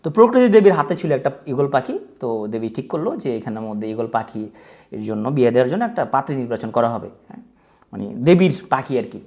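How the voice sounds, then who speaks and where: Lively, joking Bangladeshi male tutor. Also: medium pitch, brisk. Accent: Bangladeshi Bengali. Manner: chatty, joking, colloquial, addresses students directly. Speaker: exam prep tutor. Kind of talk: casual exam-prep lecture.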